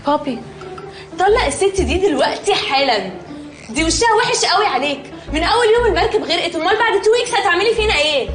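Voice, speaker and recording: A woman's voice: very high-pitched, expressive, fast talker, music in the background. An actress with an Egyptian accent playing a spoiled young daughter in a film comedy, who drops English words into her speech. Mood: snippy. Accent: Egyptian Arabic.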